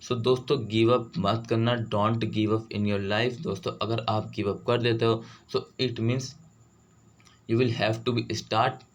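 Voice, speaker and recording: A man giving an online vocabulary lesson for exam prep. He switches between Hindi and English, reads the English words slowly, and keeps saying "theek hai" and "doston". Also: on the low side, a little hiss or hum. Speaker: vocabulary teacher.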